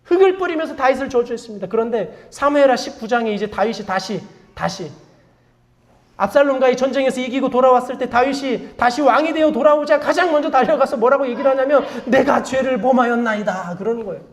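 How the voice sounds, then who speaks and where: Speaking quickly with lively intonation and a high voice, a woman pastor leads call-and-response, asking many rhetorical questions and getting the congregation to repeat her words. Her sermon is confessional, admitting her faults through self-deprecating asides.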